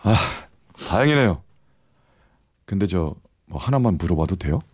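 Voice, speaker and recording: A man's voice: low voice, very animated, normal speed, a little mellow, slightly rough, exaggerated voice. An actor playing a flustered young male shop clerk who stammers, in a radio drama. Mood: shy.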